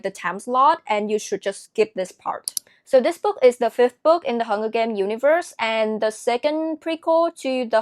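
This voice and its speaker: A woman with a Vietnamese accent chats through her latest books in a casual vlog, earnest and reflective. Her voice sits a little high. The recording is dry and close, with no room sound. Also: no room sound. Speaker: book vlogger. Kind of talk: casual book review vlog.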